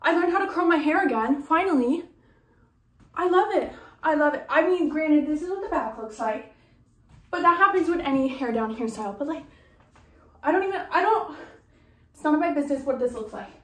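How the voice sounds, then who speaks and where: A woman's voice: sits high, expressive, a little fast, long pauses, a bit bright, roomy sound. A young woman in her twenties chatting casually to her vlog camera, bubbly and full of filler words. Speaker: vlogger. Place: her mom's house, indoors. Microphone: handheld vlog camera.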